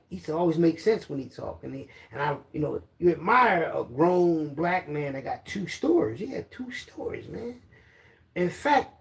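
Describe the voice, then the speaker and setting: Middle-aged philly guy, gravelly voice a bit high, rambling street stories full of slang. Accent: Philadelphia. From Philadelphia. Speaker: storyteller guest. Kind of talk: casual storytelling.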